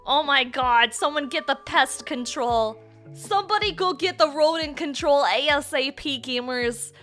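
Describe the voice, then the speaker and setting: Bright, high-pitched cute anime-streamer woman. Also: measured pace, faint music behind. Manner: crude, playful swearing banter. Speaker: live streamer host. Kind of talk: casual, excitable livestream chat.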